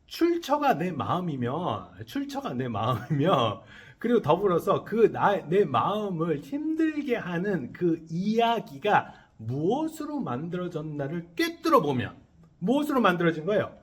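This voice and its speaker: A man's voice: sits high, wildly swooping pitch, unhurried. A man, a Buddhist monk, giving a sermon to a congregation, posing questions and answering them himself and having the listeners repeat his phrases. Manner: leads the congregation in call-and-response repetition. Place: temple dharma hall.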